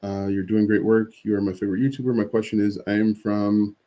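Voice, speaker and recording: A man's voice: fairly low pitch, level tone, fairly quick, mellow. A man hosting a casual livestream, reading viewer questions from the chat and answering them with frequent fillers and restarts.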